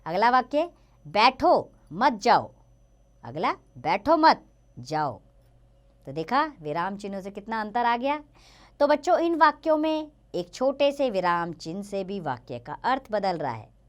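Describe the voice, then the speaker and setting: A woman's voice: medium pitch, lively intonation, normal speed. A woman teaching a grammar lesson to children, reading example sentences aloud with sing-song emphasis.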